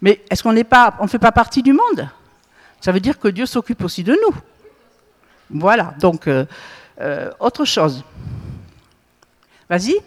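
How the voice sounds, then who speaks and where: A woman's voice: mid-range voice, very animated, a little slow, pauses often. Lady teaching a bible group, keeps asking "hein?", big hall echo. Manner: asks the group questions, frequent tag "hein?" and "hmm?". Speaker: Bible study leader. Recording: long reverb in a hall.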